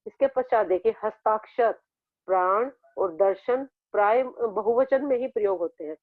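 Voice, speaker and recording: A woman's voice: mid-range voice, normal speed, dry recording. A woman teaching a school grammar lesson, patiently repeating word pairs for her pupils. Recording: tinny phone-like recording.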